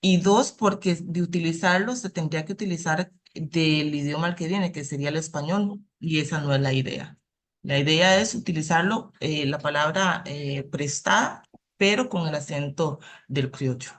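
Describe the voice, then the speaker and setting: A woman's voice: low voice, moderate pace. A woman answering audience questions in an academic online talk, friendly and polite. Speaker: presenter on the creole translation.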